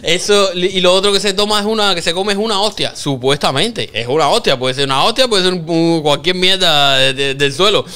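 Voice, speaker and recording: A man's voice: sits high, a little fast, few pauses, sharp tone, smooth. A man with a Cuban accent, hosting a satirical commentary in a mocking, sarcastic, joking way. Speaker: commentary host.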